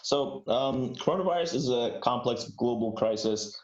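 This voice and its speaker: A man's voice: mid-range voice, normal speed, a little mellow. A man on a podcast panel giving a loose, conversational answer. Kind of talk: casual unscripted discussion. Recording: roomy, dull lo-fi sound.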